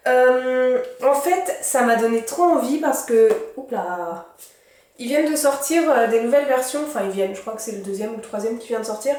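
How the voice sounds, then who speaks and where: A woman's voice: on the high side, expressive, normal speed, a little mellow. Chatty young woman in an echoey room. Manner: chatty, rambling, many fillers. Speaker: book vlogger. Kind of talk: casual book haul chat.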